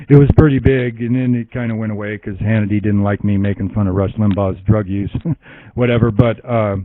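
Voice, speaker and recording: Rambling man on dull lo-fi radio. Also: lowish voice. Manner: meandering, laughs often, lots of fillers. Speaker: interview guest. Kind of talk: rambling personal storytelling. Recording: dry, dull lo-fi internet radio audio.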